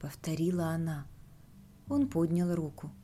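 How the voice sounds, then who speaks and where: Brief: woman audiobook narrator, low, mellow voice, measured dramatic delivery, faint music underneath. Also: expressive. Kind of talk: audiobook narration of a horror story.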